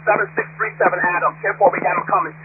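A man's voice: high-pitched, fairly even intonation, fast talker, music in the background. A male police dispatcher heard over a police radio transmission, calling out clipped codes and urgent commands. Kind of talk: live radio dispatch traffic. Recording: tinny police radio with static.

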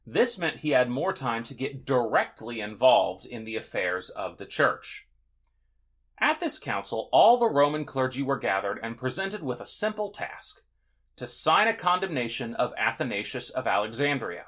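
A man's voice: medium pitch, big pitch swings, normal speed, a bit bright. A man hosting a podcast, telling church history in a scripted, wry and sarcastic way. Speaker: podcast host.

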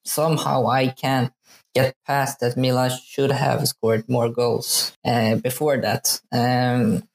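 A man's voice: mid-range voice, little pitch movement, takes it slowly, gravelly, rough recording. A man from Sweden, a journalist guest on a football podcast, speaking hesitantly with many fillers. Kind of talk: casual football podcast talk.

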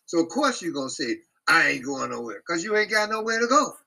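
A man hosting a casual group talk, speaking bluntly and profanely in an animated rant. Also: on the high side, fairly quick, gravelly, low-quality recording.

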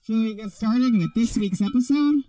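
A man's voice: high-pitched, normal speed, warm tone. A man co-hosting a podcast, talking through a tin can telephone as a playful joke bit. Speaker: podcast co-host. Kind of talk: casual chat. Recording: distant muffled tin can sound.

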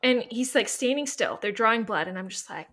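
A woman's voice: on the high side, expressive, fairly quick, a bit bright. A woman co-hosting a podcast, casually telling stories, swearing freely and laughing often. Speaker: podcast co-host. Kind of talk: casual chat. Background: her dog on camera.

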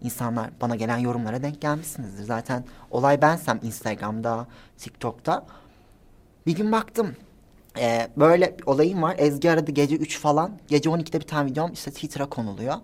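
A nineteen-year-old man telling stories as a guest in a casual interview, animated and giggly, acting out the people he quotes. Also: mid-range voice, fairly quick. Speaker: guest, social media personality.

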